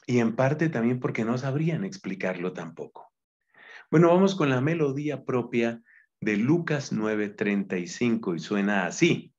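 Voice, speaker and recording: A man with a Colombian Spanish accent, a Dominican friar, teaching biblical Greek patiently and chanting verse lines slowly. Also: fairly low pitch. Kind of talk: gentle Bible lesson with sung Greek verse. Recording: slightly dull, lo-fi recording.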